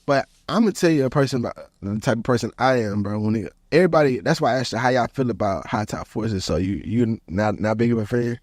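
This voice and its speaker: A man's voice: medium pitch, fast talker, few pauses, no room sound, clean studio sound. Slangy man in his thirties. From Houston, Texas. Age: 30s. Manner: animated storytelling, slangy, repeats "bro". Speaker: podcast host. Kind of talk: casual podcast chat.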